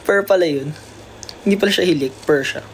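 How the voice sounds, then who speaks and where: A livestream host chatting casually to viewers about a pet cat, at times slipping into a high coaxing baby voice for the cat. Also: slight background noise. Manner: chatty, keeps addressing viewers.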